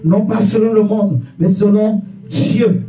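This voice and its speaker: A man preaching a fervent sermon to a congregation, repeating rhetorical questions and bursting into shouts. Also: high-pitched, slow pace. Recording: echoey church room, distant mic, faint guitar.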